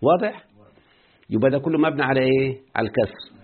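A man's voice: medium pitch, quick pace, husky. A man with an Egyptian accent teaching an Arabic grammar lesson and often quizzing his students. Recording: muffled phone-like lo-fi audio.

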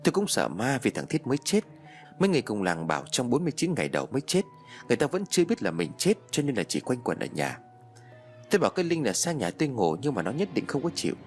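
A man narrating a first-person ghost story in a lively, dramatic storytelling manner. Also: mid-range voice, quick pace, faint music behind.

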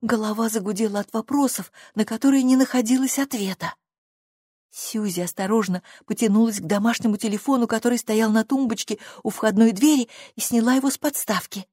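A woman narrating a storybook in a steady, even reading voice. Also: a little high, fairly quick, breathy edge, dry recording, studio quality.

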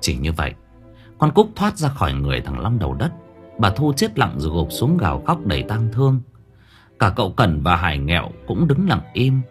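A man narrating an audiobook novel in a lively, expressive storytelling style. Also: low voice, normal speed, faint music behind.

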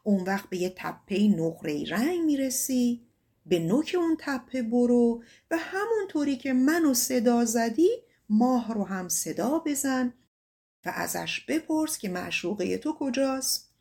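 Gentle sun giving advice, lowish voice, woman reading. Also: sing-song. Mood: advising. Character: radiant sun guiding a lovesick shepherd.

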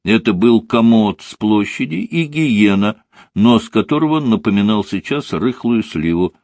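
Male audiobook narrator, lively pitch, dry close sound. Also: a little slow, no room sound. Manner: expressive, storytelling. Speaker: audiobook reader.

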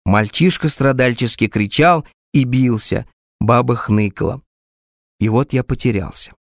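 A man reading a literary story aloud as an audiobook narrator, in a measured, wry first-person manner. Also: medium pitch, gravelly, dry recording, clean studio sound.

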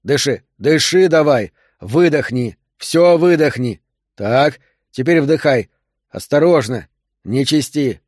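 A male audiobook reader voicing a gruff doctor who barks urgent orders during an emergency birth. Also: mid-range voice, moderate pace, darkish tone, dry recording, studio quality, natural voice. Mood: commanding.

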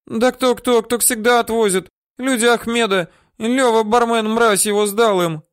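In a smooth, studio-quality recording with no room sound, a man pitches his voice extremely high, well above his own, to play a frightened, whimpering woman in an audiobook. His tone is steady and his pace measured, while the character sounds whiny, squealing and pleading.

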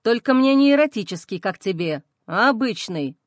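A woman voicing a hostile, scornful young man in an audiobook, speaking lower and sneering. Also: lively intonation, normal speed, no room sound, clean studio sound, natural voice. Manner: sneering, snappish.

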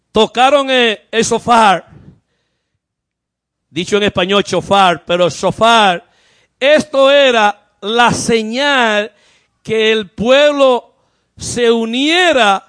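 A man preaching a fervent sermon as pastor, often shouting and repeating his calls to the congregation. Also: extremely high pitch, no echo, studio quality. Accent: Caribbean Spanish.

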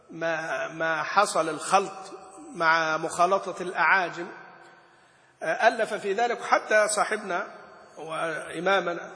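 A man's voice: high-pitched, sharp tone. A man teaching Quran recitation in a lesson. He explains a classical poem, sounds out letters aloud, chants the quoted verses and asks his students questions that he then answers himself. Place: Gulf region. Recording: echoey room with long reverb.

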